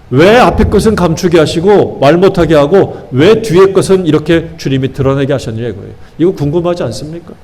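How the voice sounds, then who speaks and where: A man's voice: a little high, a little mellow. A male pastor preaching a sermon, asking the congregation rhetorical questions and stressing phrases by drawing them out.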